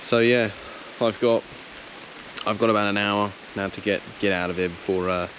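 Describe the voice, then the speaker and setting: Low-voiced man vlogging outdoors over clear noise. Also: fairly even intonation, moderate pace, fairly bright tone. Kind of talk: casual solo camping vlog. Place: outdoors in woodland at a campsite. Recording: clearly noisy outdoor ambience.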